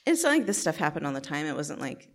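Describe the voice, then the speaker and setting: A woman with a low, deep-set voice tells a personal story. She speaks reflectively and hesitantly, pausing and restarting as she searches for her words. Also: big pitch swings. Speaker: storyteller recounting her childhood.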